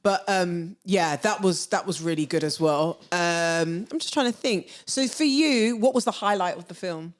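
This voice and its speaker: A woman co-hosting a film review podcast, chatting casually, animated and often laughing. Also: fairly low pitch, moderate pace, hardly any pauses. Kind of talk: casual chat.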